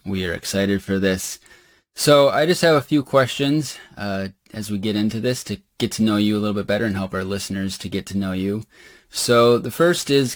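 Low-voiced male interviewer, dry close sound. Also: no room sound. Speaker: podcast host, interviewer. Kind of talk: casual interview.

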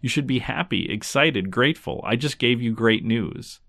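A man voicing a haughty young cartoon princess, formal and condescending in measured phrases. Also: mid-range voice, lively intonation, fairly bright tone, dry recording. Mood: cool command.

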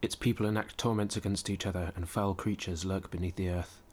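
A foreboding narrator, put on by a man, delivers a solemn warning. The voice is very deep and husky, and it sounds different from his usual voice. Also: steady tone, brisk. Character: ominous male narrator giving a warning.

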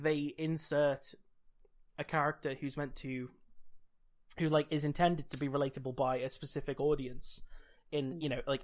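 A man co-hosting a casual podcast, rambling with lots of "like" and dry jokey asides. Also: on the high side. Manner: rambling, full of "like" and restarts. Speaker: podcast co-host. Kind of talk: casual chat.

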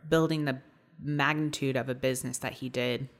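A woman's voice: very deep voice, fairly even intonation, moderate pace. A woman hosting a podcast, chatting in a candid, casual way and swearing freely. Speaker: podcast host. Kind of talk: casual conversation.

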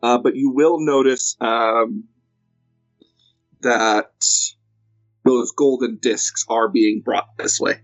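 A man narrating a tabletop game as game master, measured and hesitant with frequent pauses. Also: mid-range voice, steady tone, no room sound, highs cut off, soft background music.

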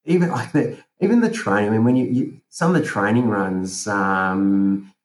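This South African man, speaking on the low side at a moderate pace, is a podcast guest in a casual interview chat. He sounds hesitant, with plenty of fillers and restarts. The room is roomy, with faint ambient noise.

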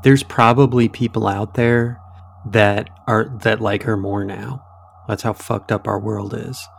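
A man's voice: lowish voice, little pitch movement, measured pace, vocal fry, a little hiss or hum. A man co-hosting a podcast, loose and profane, chatting and reading spooky stories. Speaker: podcast co-host.

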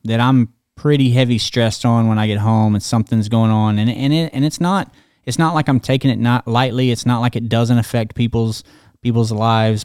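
A man's voice: medium pitch, darkish tone, clear, resonant tone, dry recording, studio quality. A man chatting casually and earnestly on a podcast, often restarting his phrases.

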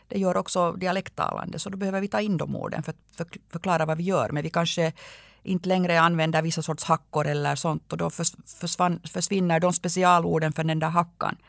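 A woman with a Finland Swedish accent speaks in a measured, explanatory way and often pauses on a filler. Her voice has a gravelly edge. The sound is close and dry. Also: fairly low pitch, no room sound. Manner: measured, explanatory, frequent hesitations. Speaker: dictionary editor. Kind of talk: radio interview answers.

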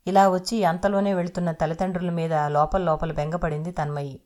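A woman's voice: fairly low pitch, a little fast. Woman narrating an audio novel. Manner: steady, literary storytelling.

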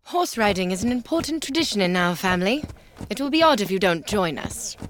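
An actress playing a composed, reserved young princess who speaks in a poised, formal way. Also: female voice, mid-range voice, sing-song, fairly quick, slight background noise, natural voice. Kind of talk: audio drama acting.

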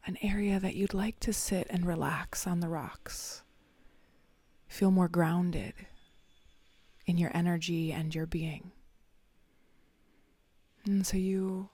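A woman guiding a visualization meditation in a soft, half-whispered, soothing voice with long pauses. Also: fairly low pitch, husky, no room sound. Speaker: meditation guide.

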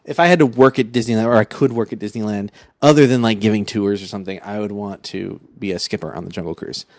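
A man's voice: lowish voice, fairly even intonation, quick pace, no room sound, studio quality. A married man chatting casually on a podcast, earnest and rambling with fillers. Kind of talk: casual chat.

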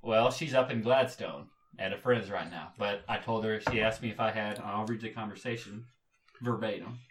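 A man's voice: on the low side, normal speed, recorded from a distance, a crowd in the background. A man telling a story in casual chat with friends. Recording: off-mic, other voices behind.

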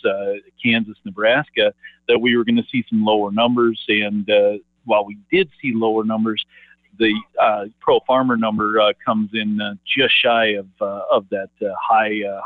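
A man comes through over the phone, his voice low and squeezed into a narrow, tinny band. The line is dry, with no room echo. He talks as an analyst in a halting way, full of fillers and restarts. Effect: heard over the phone. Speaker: market analyst guest. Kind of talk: phone interview on grain markets.

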